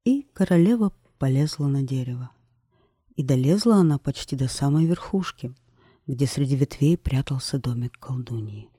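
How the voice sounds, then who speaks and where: Mellow male storybook narrator. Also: mid-range voice, normal speed, breathy edge, dry recording, studio quality. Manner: gentle, expressive fairy-tale telling. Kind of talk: storybook reading.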